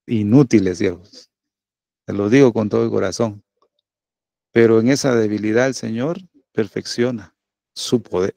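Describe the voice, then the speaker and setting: A man's voice: medium pitch, gravelly, mellow, no echo. A middle-aged man, a pastor preaching a sermon in a conversational way, often tagging his points with little questions to the listeners.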